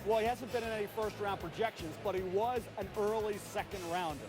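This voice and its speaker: High voiced guy analyst rattling off lists in clipped phrases, music behind. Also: fairly quick. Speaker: draft analyst. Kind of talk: live sports commentary.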